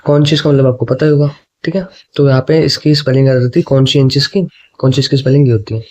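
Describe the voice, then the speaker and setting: A man's voice: medium pitch, fairly even intonation, darkish tone. A man teaching exam questions, speaking Hindi, chatty and often checking in with his students. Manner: chatty, repeats "ठीक है", reads options slowly. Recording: dull lo-fi sound.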